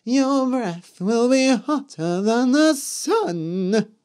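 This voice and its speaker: A man voicing an eerie, flattering ghost witch in a slow, sing-song manner. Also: mid-range voice, clear, resonant tone, pitched above the performer's own voice. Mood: cursing.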